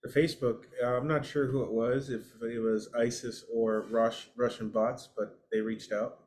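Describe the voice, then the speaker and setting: A man's voice: mid-range voice, flat delivery, moderate pace, darkish tone. A man co-hosting a podcast, chatting in a dry, offhand way. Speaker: podcast co-host. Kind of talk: casual chat.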